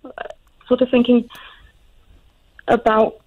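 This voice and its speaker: A woman's voice: on the high side, little pitch movement, darkish tone. Hesitant woman on a muffled phone line. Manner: hesitant, halting, with restarts mid-phrase. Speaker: radio phone-in caller. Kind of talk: personal account on a radio phone-in. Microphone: telephone.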